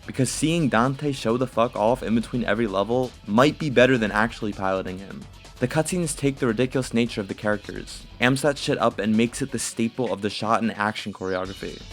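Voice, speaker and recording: A man giving scripted video game commentary as an essayist, in a casual, profane manner. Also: on the low side. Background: music.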